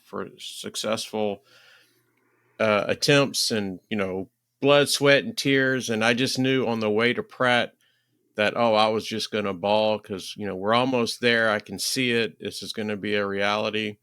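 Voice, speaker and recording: Podcast host: bright-toned man, earnest and friendly, casual chat, dry close mic. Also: lowish voice, fairly even intonation, a little slow, smooth, no room sound.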